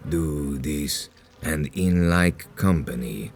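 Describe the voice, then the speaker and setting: An extremely deep-voiced ancient vampire leader, slow and solemn. He delivers grandiose video game villain speeches with cold menace, weighing each phrase deliberately. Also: a little hiss or hum, full character voice.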